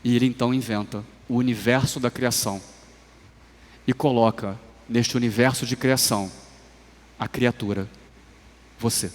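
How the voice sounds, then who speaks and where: A man with a Brazilian Portuguese accent preaching a sermon in a church. He speaks slowly and measuredly, rising to emphatic swells and then dropping to soft, low phrases. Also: fairly even intonation. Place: church sanctuary. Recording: livestream with long hall reverb.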